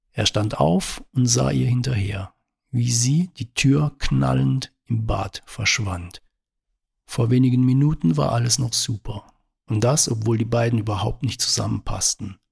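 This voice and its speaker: A man's voice: mid-range voice, gravelly, breathy edge. A man reading a comic short story aloud in a dry, matter-of-fact way.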